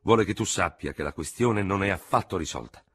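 A man doing a calm grey-haired army surgeon. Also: low-pitched, husky, pitched above the performer's own voice, heavily acted. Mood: measured. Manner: measured, level-headed advice.

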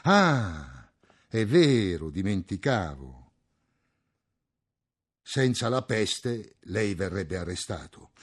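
A man reading an audiobook, voicing a calm, patient man with a gently ironic manner. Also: fairly low pitch, extremely slow, long pauses, husky, heavily acted.

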